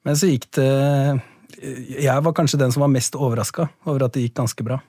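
Guy, principal on a podcast, lots of ehs and pauses, dry close mic. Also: mid-range voice, steady tone, a little mellow, dry recording. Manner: thoughtful, hesitant with frequent fillers. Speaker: school principal and author. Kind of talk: podcast interview.

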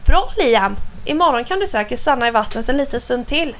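A kind old grandfather speaks gently and reassuringly, as a woman reads him aloud. The voice sits a little high, with an even, patient manner, in a children's audiobook. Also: a little hiss or hum.

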